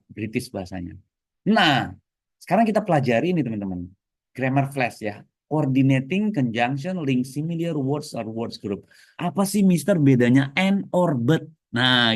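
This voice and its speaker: A man with an Indonesian accent teaches an English lesson, explaining points and prompting the class to repeat after him. His mid-range voice is creaky, and he sounds lively as he moves between explanation and prompts. The recording is studio quality with no room sound.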